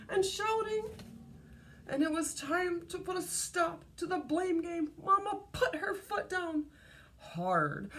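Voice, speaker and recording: Her pitch is extremely high as she reads to young children in a teacherly style, expressive and deliberate, prompting them along. There is slight background noise in the recording.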